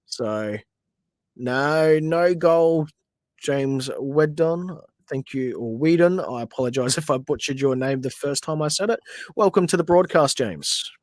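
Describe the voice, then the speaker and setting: A man's voice: medium pitch, unhurried, no room sound. An Australian man hosting a casual livestream football watch-along, chatting, reading viewer questions and venting at players. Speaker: podcast host. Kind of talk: casual livestream match commentary.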